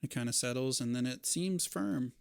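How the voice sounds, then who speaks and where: A man's voice: mid-range voice, moderate pace, creaky, smooth, dry recording, studio quality. A man narrating a tabletop role-playing game as game master in a conversational way.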